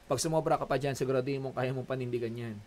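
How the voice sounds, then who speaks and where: A man's voice: medium pitch, fairly even intonation, very fast, a little mellow, slight background noise. A man with a Filipino accent giving an online class lecture as a college instructor, joking and chatty as he switches between Tagalog and English. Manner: joking, chatty Taglish teaching.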